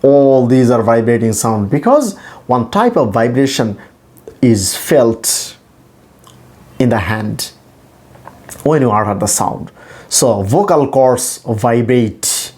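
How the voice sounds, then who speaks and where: Teaching English pronunciation in a demonstrative, repetitive way, this man has a Bangladeshi accent and speaks Bengali natively. He sounds animated, with a medium pitch and a darkish tone.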